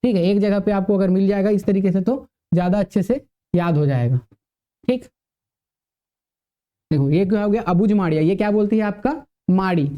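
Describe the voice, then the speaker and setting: A man's voice: high voice, moderate pace, lo-fi sound. A male teacher giving a classroom lecture, asking the class questions and answering them himself.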